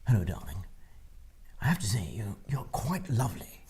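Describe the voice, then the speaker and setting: A man voicing a lecherous old male nature narrator, breathy and whispery as he wheedles. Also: fairly low pitch, very animated, normal speed, a little mellow, a little hiss or hum. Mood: seductive whisper. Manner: whispery, wheedling pickup lines.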